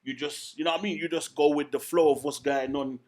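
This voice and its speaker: A man's voice: on the high side, fairly even intonation, fairly quick, darkish tone. A man, a DJ co-hosting a casual podcast chat, laid-back and hesitant with many fillers. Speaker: podcast co-host, DJ.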